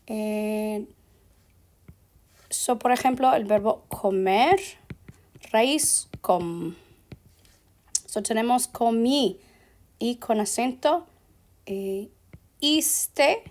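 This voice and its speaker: A Spanish teacher, a woman whose voice sits a little high, goes through verb endings very slowly and carefully. She sounds expressive and a little mellow, and slips English fillers like "so" and "ok" into her explanations.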